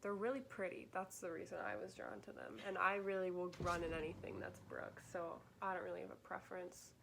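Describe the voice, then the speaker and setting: A young adult woman from Michigan hosts a vlog, chatting casually on camera with plenty of "like"s and "um"s and some laughter. Her voice is lowish, steady, creaky and fairly quick, with background noise in the recording.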